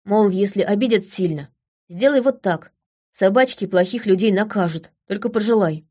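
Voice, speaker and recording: A woman voicing a hurt young village man who confesses haltingly and repeats himself. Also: mid-range voice, darkish tone, close to an everyday voice. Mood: confessing.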